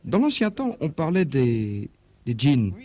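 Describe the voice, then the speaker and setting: A man preaching in a dubbed religious lecture, emphatic, asking rhetorical questions, his pitch swinging up and down. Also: wildly swooping pitch, a little slow, darkish tone.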